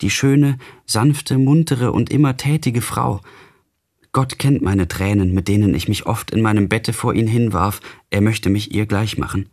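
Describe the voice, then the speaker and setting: A man voicing a gentle, devout young woman full of grief in a literary radio reading, his voice husky. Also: fairly low pitch, unhurried. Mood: tender grieving.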